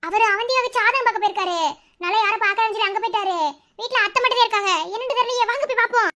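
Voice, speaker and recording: A woman's voice: very high-pitched, pushed and bright. A woman voicing a worried young village mother from Madurai who talks anxiously about her daughter. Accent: Madurai Tamil. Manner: anxious, quick.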